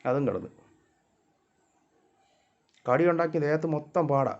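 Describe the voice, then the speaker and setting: A man's voice: fairly high pitch, lively intonation, measured pace, highs cut off. A man, vlogging in casual talk as he coaxes and calls out to his cats outdoors at home. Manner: coaxing, calls out loudly to the cats.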